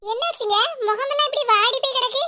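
A woman's voice: very high-pitched, fast. A woman voicing a worried village wife in a cartoon, with a Kanyakumari Tamil accent, pleading and questioning insistently. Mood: worried, coaxing. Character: worried village wife, coaxing her husband. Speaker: voice actor. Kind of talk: cartoon voice acting. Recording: noisy background hiss.

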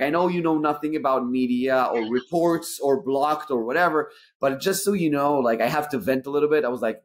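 A man in his thirties from Israel with an Israeli accent, a stand-up comedian telling stories in casual chat over a video call, acting out quoted lines. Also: medium pitch. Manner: animated, acts out quoted dialogue. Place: indoor room, video call. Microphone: webcam on video call.

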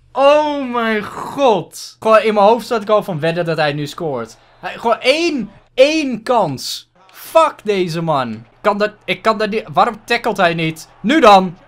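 A high-voiced man with a Dutch accent talks over his gameplay, his pitch leaping all over the place. He swears freely and throws in English exclamations while staying excitable throughout. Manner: excitable, frequent swearing and frustrated outbursts. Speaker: gaming YouTuber. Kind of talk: casual gameplay commentary.

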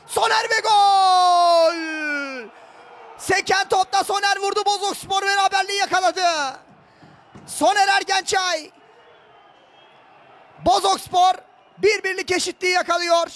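A man giving live football play-by-play, screaming with excitement and stretching out his words as a commentator at a goal. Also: extremely high pitch, measured pace, long pauses.

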